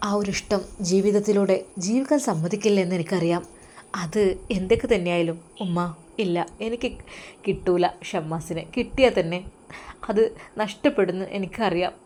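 Brief: woman doing a sorrowful devout young woman, mellow tone, faint hiss behind. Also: medium pitch, normal speed, close to an everyday voice. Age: young adult. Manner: earnest, tearful pleading. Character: heartbroken young woman, devout and self-sacrificing. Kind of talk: storytelling role voice.

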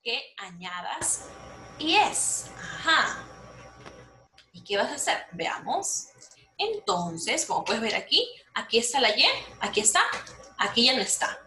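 A young adult woman teaching English to young children, explaining slowly and patiently, repeating herself and checking they follow, lively and encouraging. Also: on the high side, soft background music. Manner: slow, patient explaining with lots of repetition and check-ins. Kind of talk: online lesson for young children. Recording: roomy echo.

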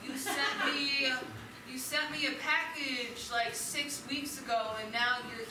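A woman playing a gentle, fond grandson who softly complains, in an improv comedy scene. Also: high voice, fairly even intonation, measured pace, distant mic. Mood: fond, hesitant. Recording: noisy, very echoey room from afar.

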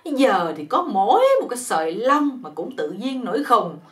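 A woman voicing a calm young girlfriend who brushes things off. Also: on the high side, moderate pace. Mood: dismissive.

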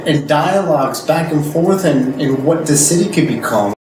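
A man's voice: a little high, expressive, normal speed, darkish tone. A young man at his desk speaks emphatically to a webcam, repeating words as he goes. The room adds a noticeable echo. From USA. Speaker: course participant. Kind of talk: self-recorded video statement. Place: home office. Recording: roomy echo.

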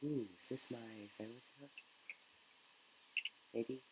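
A man's voice: mid-range voice, steady tone, measured pace, noisy background. A man giving joking let's play commentary, making goofy asides while he plays. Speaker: gaming YouTuber.

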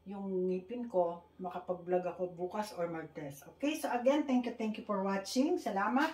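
Tagalog-speaking woman teaching slowly. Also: mid-range voice, darkish tone. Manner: patient, repeats sounds slowly for learners; mixes Tagalog with English. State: speaking carefully due to a tooth problem. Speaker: Korean language teacher. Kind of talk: online language lesson. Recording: echoey room, faint hiss.

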